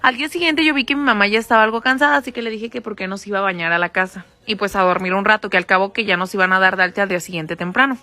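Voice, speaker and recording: A woman's voice: mid-range voice, steady tone, racing, few pauses, pushed and bright, no echo, soft background music. A young woman narrating her own story in the first person, in a confiding, gossipy way.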